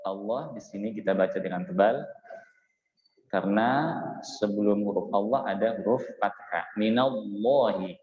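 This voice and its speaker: A man teaching Quran recitation. He explains each rule patiently, chants example words slowly, and keeps checking in with a short "ya". He is from Indonesia and speaks in a mosque hall. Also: on the low side. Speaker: Islamic teacher. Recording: echoey hall, dull lo-fi sound.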